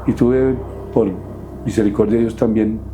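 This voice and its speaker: A middle-aged man, recounting his past as an interview guest in a halting, emotional way with many restarts. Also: fairly low pitch, fairly even intonation, narrow, tinny audio, faint music behind. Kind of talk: personal testimony in an interview.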